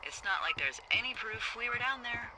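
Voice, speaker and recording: A woman's voice: a little high, animated, a little fast, noisy background, lightly acted. A woman playing a sardonic, flirty fire lookout supervisor in naturalistic, conversational video game dialogue. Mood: tipsy, breezy. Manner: wry, teasing, conversational.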